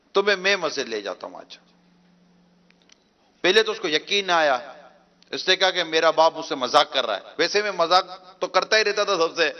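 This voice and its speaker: A man's voice: high-pitched, pushed and bright, lo-fi sound. A man preaching a sermon, telling a story emotively with repeated phrases.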